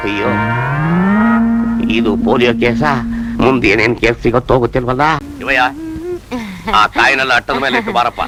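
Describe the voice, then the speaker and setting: An actor playing a stingy, scheming middle-aged moneylender in a comic film scene. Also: male voice, mid-range voice, steady tone, a little fast, pauses often, music in the background, close to an everyday voice. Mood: wheedling. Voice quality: exclamatory, theatrical whining.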